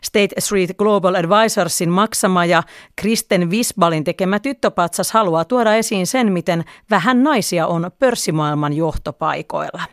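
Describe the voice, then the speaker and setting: A culture reporter reading scripted news narration in a measured way. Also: medium pitch, fairly bright tone, no echo, clean studio sound.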